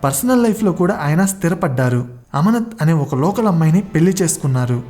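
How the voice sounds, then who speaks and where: Mellow-voiced dramatic story narrator. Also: medium pitch, very animated, brisk. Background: faint background music.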